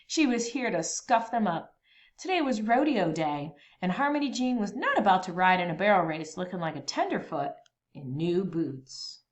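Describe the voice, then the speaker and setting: A woman with a lowish voice reads a children's storybook aloud, very expressive and leaving dramatic, deliberate pauses between phrases.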